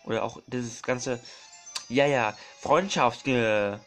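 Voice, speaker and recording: A man's voice: mid-range voice, slow, a bit bright, soft background music. A man doing casual let's play commentary, rambling and apologizing often, repeating his words and calling his viewers his friends.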